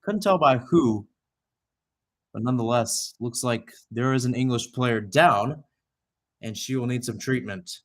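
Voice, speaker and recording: Unhurried and medium-pitched, a young man provides live play-by-play of a soccer match in the style of radio. He strays into conversational, meandering asides and revises what he says as he goes.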